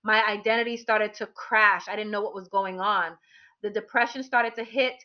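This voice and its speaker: A woman's voice: mid-range voice, fairly even intonation, moderate pace. A woman candidly telling a personal story to her listeners, talking animatedly with many restarts and fillers. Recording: dull lo-fi recording.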